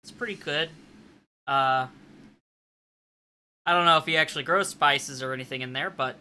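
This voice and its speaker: Guy dming a tabletop game, super bright tense voice, lots of uhs as he makes it up. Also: on the high side, normal speed, smooth. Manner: relaxed, improvising descriptions with frequent fillers. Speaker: game master.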